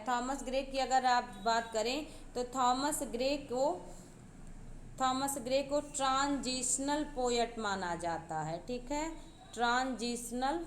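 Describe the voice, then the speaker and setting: A high-pitched woman lectures on poetry for exam preparation. She goes step by step, repeating each key term so students can note it down. The room is echoey, with a faint hiss of background noise. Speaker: teacher. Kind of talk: exam-prep literature lecture.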